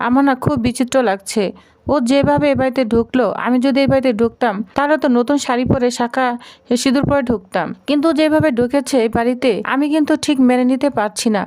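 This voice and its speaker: A woman's voice: high-pitched, fairly quick, a little mellow, natural voice. Woman voicing a suspicious gossiping aunt. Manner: wary, confiding.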